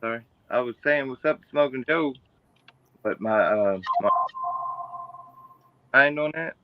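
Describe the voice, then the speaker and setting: A man's voice: mid-range voice, a little slow, highs cut off, heavy background noise. A man chatting casually as a remote guest on a live stream, his audio keeps cutting out. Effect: audio cutting out on a glitchy internet call. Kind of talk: casual chat.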